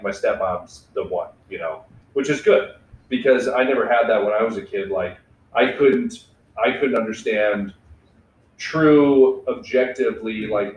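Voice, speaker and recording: A man's voice: on the low side, distant mic, slight background noise. A young man hosting a casual podcast, talking candidly and reflectively, swearing freely and leaning on filler words. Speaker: podcast host. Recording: echoey room, away from mic.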